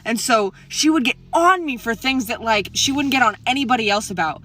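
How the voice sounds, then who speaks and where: A woman's voice: fairly high pitch, lively intonation, fairly quick, a bit bright. A woman telling a school story in an eager, indignant way. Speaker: TikTok creator. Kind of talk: casual storytelling to camera.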